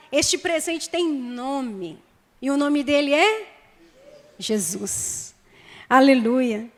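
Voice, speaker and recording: High-voiced Brazilian woman preaching in a reverberant hall. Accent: Brazilian Portuguese. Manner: slow emphatic preaching, prayerful reading of scripture. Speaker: pastor. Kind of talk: sermon. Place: church sanctuary. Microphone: handheld microphone.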